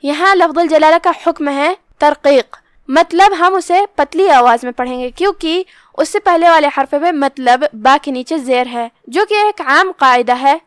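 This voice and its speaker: A woman teaching Quran recitation, slowly and carefully explaining how each letter is pronounced. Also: sits high, no room sound, clean studio sound. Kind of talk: step-by-step tajweed lesson.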